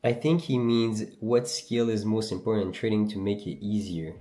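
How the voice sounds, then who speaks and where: On his trading livestream, a young man speaks with a fairly low, warm voice at normal speed in a roomy-sounding space. Born in Algeria with Berber as his first language and raised in Canada, he has a French Canadian accent and chats casually in slang, answering questions he reads from the chat.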